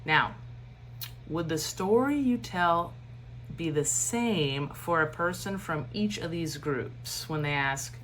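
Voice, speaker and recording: A low-voiced woman teaches a recorded online lesson. She keeps a steady cadence while adding animated emphasis and informal asides. A faint hum sits behind her voice. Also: slow pace. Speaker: instructor. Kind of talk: lecture for a recorded online class.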